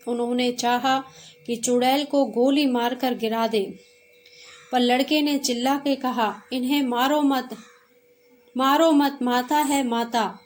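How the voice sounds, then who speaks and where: A woman reading a classic story aloud as a storyteller, with measured, steady delivery. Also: sits high, a little hiss or hum.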